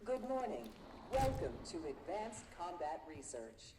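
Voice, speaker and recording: A woman voicing a facility's public-address announcer in a video game, heard through an echoing loudspeaker, polite and formal. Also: lowish voice, very animated, a little slow. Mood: official. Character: female facility PA announcer, calm and official. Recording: distant echoey loudspeaker amid loud game noise.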